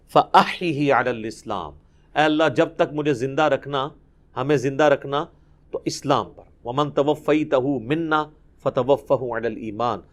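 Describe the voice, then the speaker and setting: In a Quran commentary lesson, a man with a fairly high, slightly bright voice explains each point emphatically. Between explanations he breaks into recited Arabic verses.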